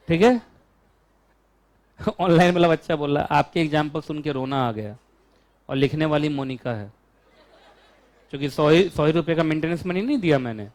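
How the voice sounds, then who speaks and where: A man with an Indian accent teaching a law class, chatty and joking, stretching out key terms slowly. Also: a little high.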